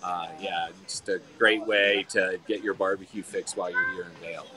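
A man's voice: low-pitched, moderate pace. A middle-aged man from Maryland who owns a barbecue restaurant, chatting casually outdoors with a lot of fillers and trailing "so"s. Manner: relaxed, many fillers, trailing "so". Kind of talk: casual interview. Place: outdoor farmers market booth. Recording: outdoor market crowd noise. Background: market crowd.

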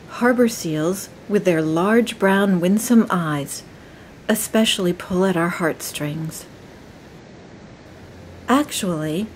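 A woman narrating a nature documentary in a calm, measured and gentle way. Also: lowish voice, slight background noise, rough recording.

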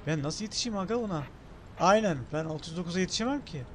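A young man casually commenting while playing a game, excitable, thinking aloud and swearing in passing. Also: high voice, fast talker, slight background noise. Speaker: gaming channel host. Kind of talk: casual let's-play commentary.

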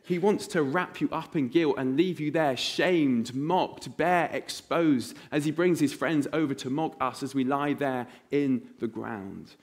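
A man preaching a sermon in church, telling vivid stories and acting out voices in a hushed tone. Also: on the high side, a little slow, hardly any pauses.

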